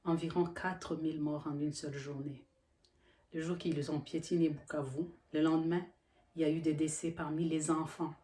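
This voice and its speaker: A middle-aged woman from Congo with a low, deep voice speaks earnestly to the camera as a health professional. She talks steadily but often pauses to search for words. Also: level tone, mellow. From Democratic Republic of the Congo. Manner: earnest, with frequent hesitations. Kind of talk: earnest educational monologue.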